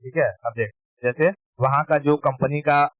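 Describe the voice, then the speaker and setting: A man teaching a casual exam-prep history lecture, his voice sitting a little high. He talks informally, drills names by repeating them and keeps asking if students follow. The sound is close and dry, with almost no room. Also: fairly even intonation, moderate pace, dry recording, lo-fi sound. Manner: informal, repeats key terms and checks understanding.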